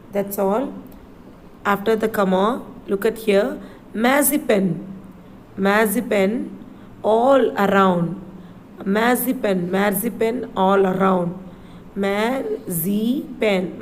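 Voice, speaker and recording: A woman teacher reading a story line by line to children, spelling words letter by letter and repeating them slowly. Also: medium pitch, darkish tone, a little hiss or hum, poor audio.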